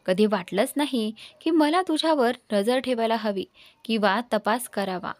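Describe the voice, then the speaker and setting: A woman's voice: a little high, normal speed, no echo, lightly acted. A woman voicing a jealous young man who speaks in a cutting, sarcastic way to his lover. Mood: furious.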